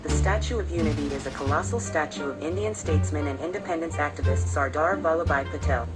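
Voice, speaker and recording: A synthetic woman's voice working as a voice assistant, giving answers in a polite, measured, evenly articulated way. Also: sits low. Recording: music playing over the voice.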